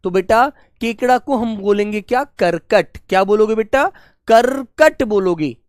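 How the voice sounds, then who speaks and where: A man's voice: high voice, normal speed, clean tone, no room sound. Male teacher doing a live online class, keeps repeating the question, calls everyone beta, patient but scolds a bit, dry close sound. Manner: gently scolding, patient explainer. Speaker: Hindi teacher.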